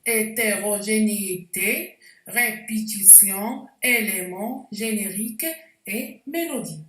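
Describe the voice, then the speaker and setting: A woman's voice: mid-range voice, bright, forceful tone, roomy sound, recorded from a distance, rough recording. A woman teacher giving a spelling lesson, explaining step by step with frequent hesitations. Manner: slow, deliberate explanations with hesitations.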